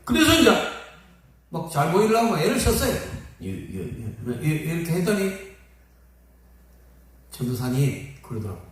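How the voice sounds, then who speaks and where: High, lively older pastor in an echoey hall. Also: male voice, moderate pace, long pauses. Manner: folksy, acts out quoted people. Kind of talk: storytelling sermon. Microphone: phone camera at a distance. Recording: echoey hall, phone from far off.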